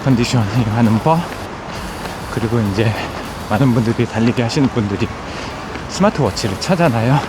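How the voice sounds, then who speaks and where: A man's voice: mid-range voice, fairly quick. A man talking to his viewers while running, in a casual vlog monologue broken into short phrases. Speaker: running content creator. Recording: music over outdoor recording. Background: music.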